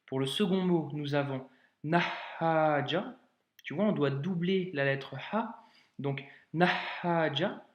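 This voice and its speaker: A man teaching Arabic reading in a casual video lesson, speaking informally to the learner with many hesitations and slowing down to sound out words syllable by syllable. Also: fairly high pitch, roomy sound, muffled recording.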